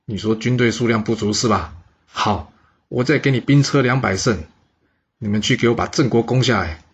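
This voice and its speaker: A man voicing an angry, domineering king in a stern, commanding manner, in a husky voice on a dull recording. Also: mid-range voice, normal speed.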